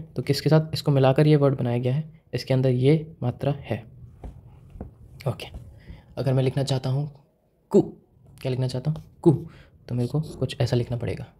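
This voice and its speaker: A man's voice: medium pitch, dark tone. A man with an Indian accent teaching Japanese writing step by step, often asking the viewer questions and mixing English into his Hindi. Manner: mixes English words into Hindi. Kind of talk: whiteboard lesson in Hindi mixed with English.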